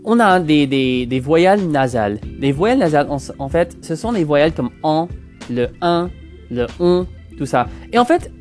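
A Canadian man in his twenties hosts a casual solo podcast, his Parisian-style French accent learned in France. His fairly high, darkish voice swings widely in pitch at a moderate pace, with faint music behind. He rambles hesitantly, restarting phrases again and again.

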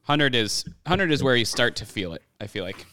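A man's voice: mid-range voice, animated, normal speed, bright, forceful tone, no echo. A young man co-hosting a podcast in casual chat, joking around, with a nagging cough. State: has a cough. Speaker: podcast co-host.

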